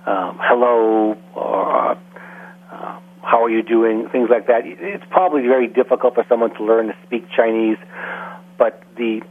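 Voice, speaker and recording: Male radio guest, measured explainer, raspy voice, tinny telephone quality. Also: mid-range voice. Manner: measured, explanatory, with frequent fillers. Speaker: guest language expert. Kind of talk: casual radio interview. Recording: phone-like, husky radio line.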